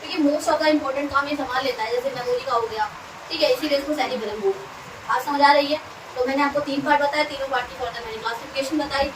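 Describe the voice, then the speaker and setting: High-voiced woman tutor drilling a class. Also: fairly even intonation. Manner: quizzes students and repeats terms slowly. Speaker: science tutor. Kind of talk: classroom lesson with call-and-response drilling. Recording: echoey room, mic at a distance, audible noise.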